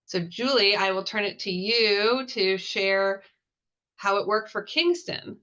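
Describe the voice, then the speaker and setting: Bright-voiced woman over a dull video call. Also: medium pitch, slow. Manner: reassuring, many "you know" and "um" fillers. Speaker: webinar co-host. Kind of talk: webinar presentation.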